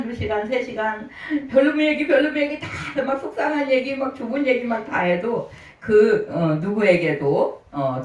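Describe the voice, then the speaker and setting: Middle-aged woman preaching in an echoey hall. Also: on the low side. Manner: chatty, lively storytelling with frequent laughter. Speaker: preacher at a small church. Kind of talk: sermon told through personal stories. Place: church hall. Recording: roomy hall, voice from a distance.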